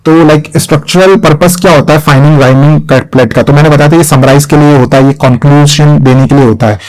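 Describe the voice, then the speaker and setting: The recording quality is low, and this young man's voice is on the high side, a little fast and a little mellow, with fairly even intonation. He is a teacher running an exam-prep lesson in a slightly raised voice, posing questions and answering them himself. His delivery stays patient and repetitive, circling back to key points.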